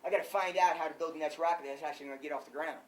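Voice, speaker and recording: Emphatic older coach, distant mic. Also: male voice, on the high side, fairly even intonation, racing. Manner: emphatic, asks rhetorical questions. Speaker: wrestling coach. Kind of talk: coaching clinic talk.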